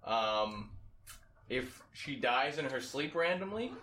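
A man playing a tabletop game, talking bluntly and casually, swearing freely and thinking out loud. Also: mid-range voice, animated, slow, reverberant, a little hiss or hum. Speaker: player. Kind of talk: casual chat.

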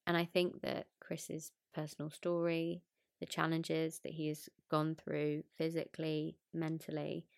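A woman's voice: sits low, completely flat delivery, a little slow, gravelly, no echo, clean studio sound. A woman hosting a self-development podcast, reading a scripted guest introduction and then chatting. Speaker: podcast host. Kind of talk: podcast interview.

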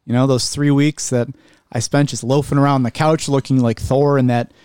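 A man's voice: medium pitch, steady tone, moderate pace, darkish tone, clean tone, no room sound, clean studio sound. A man with a slightly nasal voice hosting a casual comedic podcast, upbeat and jokey. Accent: Buffalo, New York. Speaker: podcast host.

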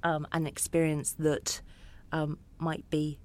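A woman's voice: low voice, little pitch movement, slow. A woman hosting a panel discussion, asking probing questions and searching for words. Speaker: host.

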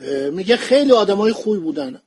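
A man's voice: sits high, sing-song, a little mellow, breathy edge, dry recording. A man speaking, retelling a historical travel account in a casual storytelling manner as a podcast host. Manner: anecdotal retelling, acts out quoted dialogue. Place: home study with bookshelves.

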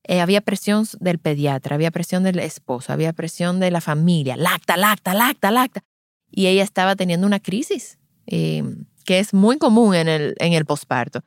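A woman with a lower voice tells a story from her work as a lactation consultant, shifting into each person's voice as she goes. Her tone is reassuring when she gives advice, and the recording is dry and close, with no room around it. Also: brisk, no echo. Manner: animated, acts out each voice in the anecdote.

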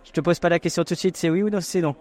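A man's voice: a little high, steady tone, very fast, a little mellow. A man hosting a podcast, chatting and teasing guests in casual interviews at an outdoor wine tasting. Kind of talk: casual vox-pop interview.

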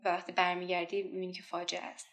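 A woman talking about a song and then reciting its lyrics in a soft voice that sinks almost to a whisper on the saddest lines. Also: fairly low pitch, completely flat delivery.

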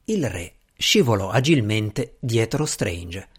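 A man reading an audiobook, telling the story in an expressive way. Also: lowish voice, slow, slightly rough. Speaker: audiobook narrator. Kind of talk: audiobook narration.

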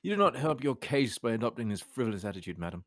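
A man playing a coldly polite, menacing army captain in a modern British RP accent, formal, measured and sardonic, in a period drama read-through. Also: mid-range voice, animated, dry recording, clean studio sound, voice pushed up, close to an everyday voice. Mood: sardonic, stern.

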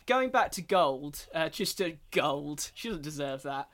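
Podcast host, man, bright and slightly high voice, halting casual delivery. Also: lively intonation. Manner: hesitant, lots of ums and restarts.

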